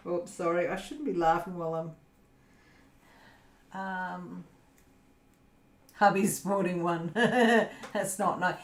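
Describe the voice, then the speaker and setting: An Australian woman chats slowly and easily with her livestream viewers, drifting off into fillers and frequent giggles. Her voice sits at an ordinary middle pitch. The room around her gives the sound a noticeable echo. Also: lively intonation. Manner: giggly, rambling, many fillers. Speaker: crafting channel host. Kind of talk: casual livestream chat with viewers. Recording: roomy echo.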